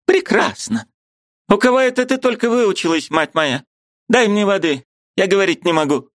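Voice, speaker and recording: A man voicing a sharp-tongued, agitated old woman who scolds her niece sarcastically. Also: fairly high pitch, very animated, moderate pace, no room sound, clean studio sound, voice pushed up. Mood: indignant. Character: sharp-tongued old aunt, gruff yet loving woman.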